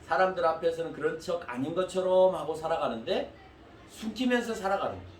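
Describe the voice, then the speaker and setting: Male pastor, slightly high voice, preaching to a congregation, roomy hall sound with faint noise. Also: brisk. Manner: animated, addresses the congregation directly with questions. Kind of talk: sermon. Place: church hall. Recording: echoey hall, mic at a distance.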